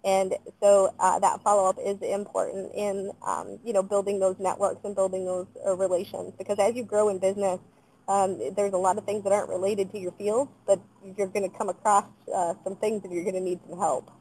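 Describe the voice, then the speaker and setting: A woman in her thirties, a small business owner, answering on a panel over a video call from outdoors in a measured, thoughtful way with frequent ums and uhs. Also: mid-range voice, level tone, a little mellow, rough recording. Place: outdoors in front of trees. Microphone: webcam on a video call.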